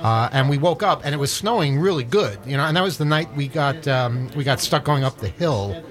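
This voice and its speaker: A man's voice: mid-range voice, expressive, a little fast. A man hosting a radio show in a studio, chatting casually and rambling with many self-deprecating restarts. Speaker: radio host. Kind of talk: casual on-air banter.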